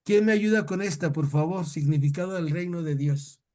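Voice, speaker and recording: Chatty high-voiced Mexican man teaching. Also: normal speed, dark tone. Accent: Mexican Spanish. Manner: chatty, repeats words, tells jokes, asks "¿sale?". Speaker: teacher leading a Bible class. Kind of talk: informal religious lesson.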